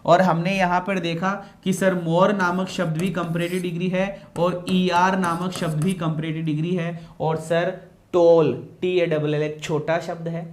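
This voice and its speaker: A man's voice: on the high side, a little mellow. A man teaching English grammar in a classroom lecture, repeating key phrases and quizzing his students.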